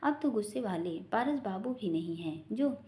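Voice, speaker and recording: A cheeky, bantering young man from a family storybook, as a woman narrator reads him. His lines swing lively up and down, in a soft, mellow tone. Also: high-pitched, normal speed. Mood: teasing. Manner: bantering, teasing. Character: playful joking young man, teasing and cheeky.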